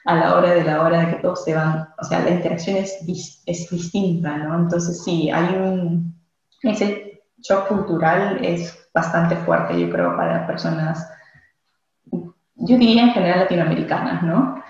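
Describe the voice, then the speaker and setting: A woman's voice: on the low side, animated, unhurried, a little mellow. A woman from Peru, a guest speaking thoughtfully in a casual interview, often restarting and adding tag questions. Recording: very echoey, dull lo-fi sound.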